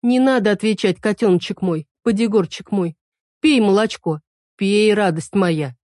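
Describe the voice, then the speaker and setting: A woman voicing a quarrelsome, sharp-tongued witch and healer who scolds and teases. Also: mid-range voice, moderate pace, no room sound, clean studio sound, natural voice. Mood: doting. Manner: scolding, teasing, mocking.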